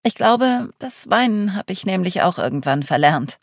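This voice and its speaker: A woman's voice: medium pitch, sing-song, moderate pace, vocal fry, no echo, clean studio sound, voice pushed up. A woman reading the part of a blunt, gloomy young woman who keeps to herself, with a sarcastic, grumbling manner.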